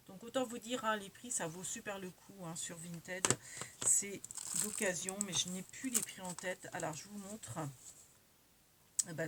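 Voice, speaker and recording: A woman's voice: on the low side, background noise. A woman casually showing her craft-supply purchases in a chatty, hesitant way, correcting herself often. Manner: chatty, many fillers and self-corrections. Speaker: crafting vlogger.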